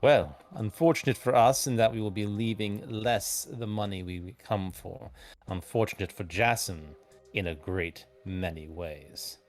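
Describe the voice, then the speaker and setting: A man voicing a shrewd, businesslike merchant who speaks in a measured, formal and unyielding way. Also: on the low side, soft background music, close to an everyday voice. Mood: cool.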